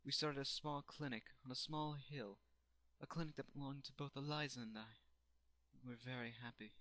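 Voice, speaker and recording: A man's voice: medium pitch, steady tone, normal speed, bright, forceful tone, no room sound, lightly acted. A man playing a grieving, obsessed doctor turned necromancer in a theatrical, brooding anime fandub monologue.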